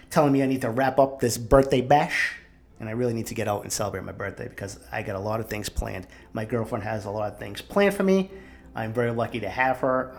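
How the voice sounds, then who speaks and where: Gravelly-voiced man in his forties. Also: mid-range voice, a little mellow. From Boston. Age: 40s. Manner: candid, profane, reflective. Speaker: podcast host. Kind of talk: solo podcast monologue.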